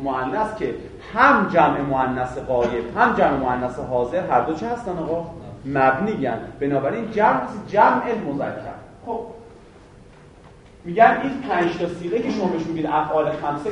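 A man's voice: on the high side, slight background noise. A man teaching a grammar lesson to a class, firing questions at the students and answering them himself. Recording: very echoey room from far off.

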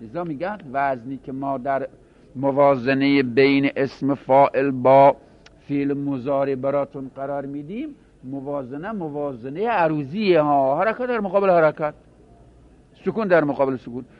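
A man teaching a grammar lesson in a measured classroom lecture, repeating phrases and posing rhetorical questions he then answers. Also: medium pitch. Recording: dull lo-fi recording.

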